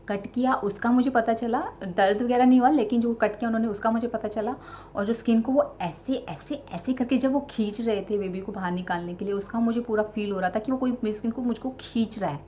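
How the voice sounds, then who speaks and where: A young woman tells a personal story in a chatty, conversational way, speaking straight to her audience and pausing on fillers as she goes. Her voice sits at a moderate everyday pitch. The recording is a little muffled and lo-fi, with a faint hum of ambience behind her. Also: a little mellow. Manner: chatty, addresses viewers directly, many fillers. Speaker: vlogger sharing her childbirth story. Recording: slightly dull lo-fi sound with faint ambience.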